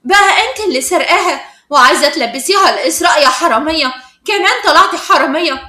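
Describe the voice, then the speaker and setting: A woman with an Egyptian accent voicing an outspoken teenage schoolgirl who talks in a sharp, agitated way. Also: very high voice, fast, echoey room, voice pushed up. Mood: angry. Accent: Egyptian Arabic.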